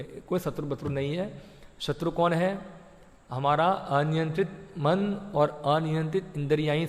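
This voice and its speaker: A man delivers a devotional sermon in a fairly high voice, asking his listeners questions and answering them himself. He slips into short acted dialogues to make his points. His voice rings with long reverb from a large hall. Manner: acts out the mind's voice in little dialogues. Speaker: preacher. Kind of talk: Hindi devotional sermon on scripture.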